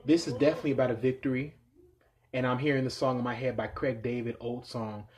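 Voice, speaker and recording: A man's voice: little pitch movement, fast. Meditative man giving a tarot reading. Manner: meditative, repeats phrases, drops to low quiet voice. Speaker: tarot reader.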